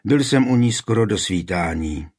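A nervous young student who answers quietly and bashfully, as a male narrator voices him. The tone stays low-key and husky. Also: lively intonation. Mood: quiet, shy.

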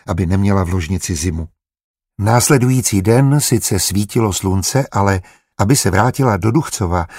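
A man narrating an audiobook in a steady, even storytelling manner. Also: lowish voice, no echo, studio quality.

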